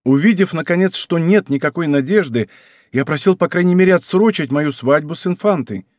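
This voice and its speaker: A man's voice: a little high, lively intonation, a little fast, a little mellow, no echo, clean studio sound, close to an everyday voice. A man voicing a young king torn between love and duty in an audiobook, speaking with hesitant anguish. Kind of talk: audiobook character reading.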